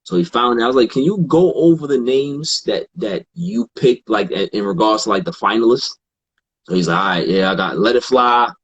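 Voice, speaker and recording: A man guesting on a podcast, telling stories in a relaxed, casual way and acting out what others said. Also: medium pitch, normal speed, breathy edge, muffled recording. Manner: relaxed, quotes others in animated asides, frequent fillers. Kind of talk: casual storytelling in conversation.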